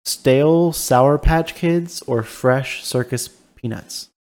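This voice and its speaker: Male co-host, easygoing chat, mid-pitched voice, lots of "like" and "um". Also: takes it slowly, darkish tone. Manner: hesitant, full of "like" and "um". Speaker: podcast co-host. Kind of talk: casual chat.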